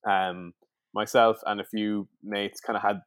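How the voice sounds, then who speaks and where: A man's voice: fairly low pitch, flat delivery, measured pace, no room sound. A man with a west of Ireland accent chatting casually about sport in a loose, rambling way full of filler phrases. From Sligo, west of Ireland. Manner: hesitant, rambling, many "like" and "you know". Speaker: podcast co-host.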